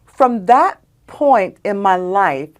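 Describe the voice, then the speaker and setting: A woman, a guest on a podcast, telling personal stories in an animated, emphatic, conversational way. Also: medium pitch, slow. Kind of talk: conversational storytelling.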